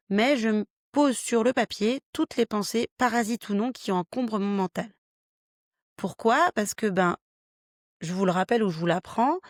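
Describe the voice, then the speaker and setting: A woman's voice: medium pitch, no room sound. Frank woman with a dry, close sound. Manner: explanatory, frank, lists practical tips. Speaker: podcast host, health worker. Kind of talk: solo podcast talk, lightly scripted.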